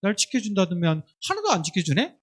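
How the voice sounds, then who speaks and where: A man's voice: sits high, wildly swooping pitch, brisk, exaggerated voice. A male pastor voicing an upset child who complains to God with reproachful questions. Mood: complaining.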